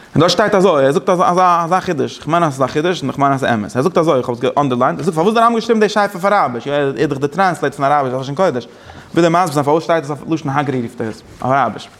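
A man's voice: on the high side, expressive, fast talker. A man teaching a Torah class, rambling and correcting himself as he goes, with English and Hebrew terms mixed into his talk. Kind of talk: Yiddish-style Torah class.

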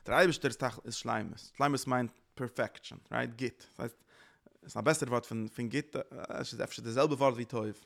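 A man gives a religious lecture in a gravelly voice of ordinary pitch. He speaks earnestly as a teacher and keeps circling back to restate each point. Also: steady tone, fairly quick, fairly bright tone.

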